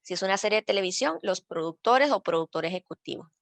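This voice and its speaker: Patient woman teacher, gravelly voice. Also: medium pitch, expressive, fast talker, dry recording. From Costa Rica. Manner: patient, explains step by step with slides. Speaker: librarian teaching citation style. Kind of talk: online workshop lesson.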